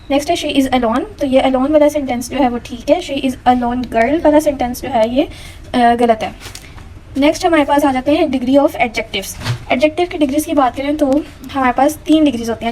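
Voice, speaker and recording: A woman with a high voice teaches grammar in a lecture, patient and methodical. She reads each example sentence slowly. A faint hiss sits under the recording. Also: a little mellow, rough recording. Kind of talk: explaining a lecture.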